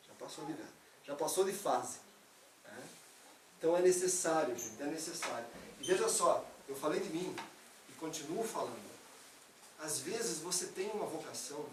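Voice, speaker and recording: A Brazilian man with a fairly high voice gives an earnest, conversational spiritist lecture, acting out everyday excuses as quotes. He speaks in the lecture hall of a spiritist center, far from the mic, so the hall sounds echoey, with slight background noise.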